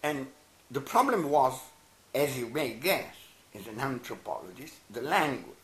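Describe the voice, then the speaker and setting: An older man's mid-range voice swings widely in pitch as he reflects in an interview. Italian is his first language; he's an anthropologist who speaks haltingly but warmly, stammering, restarting, and laughing gently. Faint noise and echo fill the roomy space.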